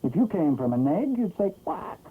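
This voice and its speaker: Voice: medium pitch, very animated, normal speed, breathy edge, voice pushed up, exaggerated voice. A narrator voicing a puzzled, blunt duck with an insistent manner in a vintage 1960s cartoon style. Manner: questioning, insistent. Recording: old tinny, noisy cartoon soundtrack.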